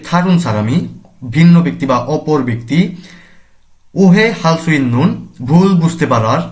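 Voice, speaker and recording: Male language teacher with a Bangladeshi Bengali accent, slightly high-pitched, slow and deliberate, repeats each sound and term. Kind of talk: explaining grammar and pronunciation.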